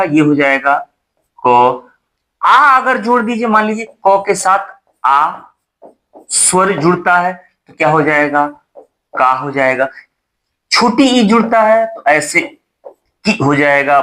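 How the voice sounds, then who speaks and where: Young guy teaching for exam prep, high voice that jumps all over, keeps repeating stuff n asking if u got it. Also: fairly bright tone. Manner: repeats key terms, asks rhetorical check questions. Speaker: Hindi teacher. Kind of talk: exam-prep lesson at a board.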